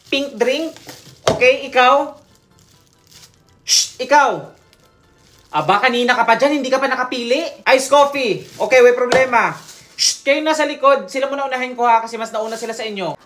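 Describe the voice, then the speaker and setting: A woman's voice: sits high, normal speed, pauses often, music in the background. A woman playing a drink seller, taking orders from customers who are not there and scolding them in a chatty, bossy way. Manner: half-sung catchphrase repeated over and over. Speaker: drink vendor in a role-play. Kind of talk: solo role-play of serving customers.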